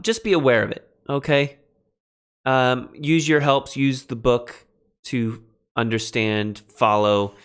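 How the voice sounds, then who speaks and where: A man lecturing on biblical Greek grammar in a recorded class. He talks in an animated, emphatic way and breaks off for quick asides to his students. His voice sits at an ordinary middle pitch for a man. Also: clean tone. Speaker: Greek instructor.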